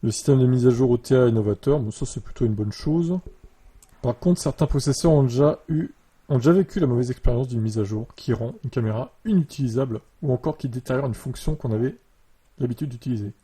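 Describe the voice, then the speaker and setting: Through a muffled, dark-sounding USB desktop mic, a YouTuber talks about electric cars, reading bits of an article and responding casually with many fillers. His mid-range voice is fairly quick and slightly rough.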